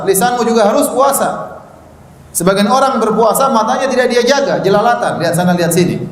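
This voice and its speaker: A man giving a lively, jokey sermon, with sudden loud rises and soft drops. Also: high-pitched, echoey room, in a large hall, slight background noise, low-quality recording. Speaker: preacher.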